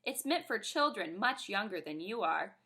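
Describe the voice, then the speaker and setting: Woman playing a sensible storybook mom, calm and reasoning, bright voice. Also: medium pitch, normal speed, breathy edge, exaggerated voice. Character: patient, sensible mother.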